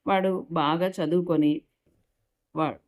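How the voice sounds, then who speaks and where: A woman with a low-pitched voice reads a romantic story aloud. She carries both the dialogue and the narration in the same steady voice, now and then stumbling and restarting a phrase. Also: slow pace. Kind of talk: reading a love story aloud.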